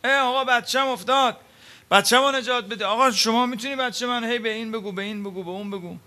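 A woman's voice: on the high side, steady tone, sharp tone, voice pushed up. A man voicing a desperate young mother who begs for help for her baby in a sermon story. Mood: frantic pleading. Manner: frantic, begging.

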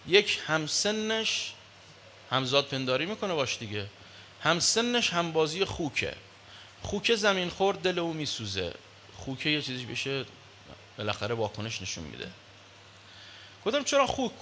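A man preaching a sermon in an animated way, dropping to low murmurs and rising to loud exclamations. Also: slight background noise.

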